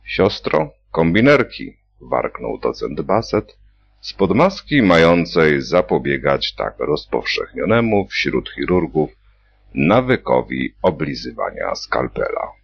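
Very deep voice man narrating satirical story, gravelly, husky, dull lo-fi recording. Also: sing-song. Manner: slow, gravelly, playful voicing of characters.

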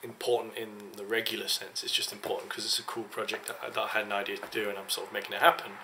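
A man's voice: lowish voice, level tone, rapid-fire, noisy background. A tired young man from England rambling to a desk webcam in a small home office, full of hesitant fillers. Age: young adult. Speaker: vlogger. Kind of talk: casual vlog to camera.

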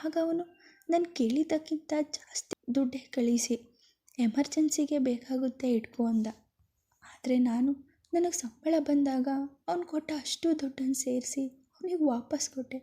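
A woman's voice: sits high, measured pace, dark tone, voice pushed up. A woman voicing a hurt, tearful young woman speaking in an upset, pleading way.

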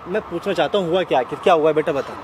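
A man's voice: a little high, rapid-fire. A young man on a busy street outdoors, insistent and pleading, repeating himself over and over. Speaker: bystander in a prank. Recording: loud street noise outdoors.

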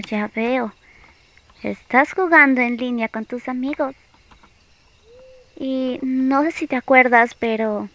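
A woman playing a playful, pouty young girlfriend in an ASMR role-play, speaking slowly and coaxingly with teasing hums and pauses. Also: fairly high pitch, fairly bright tone, dull audio. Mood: pouty, annoyed.

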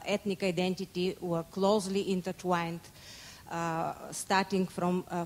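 A woman in her forties, originally from Bulgaria, speaks as a conference lecturer in a somewhat low voice. She talks into a handheld microphone in an indoor conference room, pausing often and correcting herself. A faint hum sits underneath. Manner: measured, many hesitations and self-corrections. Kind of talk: academic conference talk.

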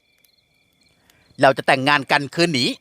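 A man voicing a rough, menacing male kidnapper who threatens slowly and quietly. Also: no echo. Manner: slow, low-voiced threats.

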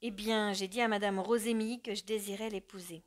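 Cheerful eager young man, lively questions, read by a woman narrator. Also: mid-range voice, brisk, close to an everyday voice.

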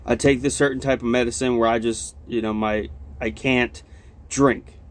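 A man's voice: mid-range voice, steady tone, moderate pace, slight background noise. A young adult man with a lip full of dip, chatting casually and rambling with plenty of swearing as he reviews a product on a vlog. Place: small cluttered log-walled room, indoors.

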